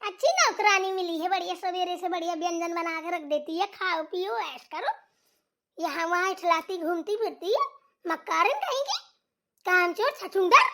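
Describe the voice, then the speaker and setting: Cartoon mother-in-law, shrill and nagging, hurling taunts and insults, a woman voicing her. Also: lively intonation, moderate pace, sharp tone, exaggerated voice. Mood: ranting. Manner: nagging, taunting, name-calling. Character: scolding shrill old village mother-in-law. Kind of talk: voice acting for a comedy cartoon.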